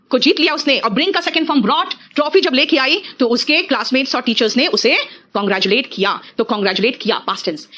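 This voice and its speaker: A young Indian woman teaching English grammar in an exam-prep lecture, explaining briskly and calling her students "beta". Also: high-pitched, bright, forceful tone, dull audio. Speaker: English teacher for competitive exams.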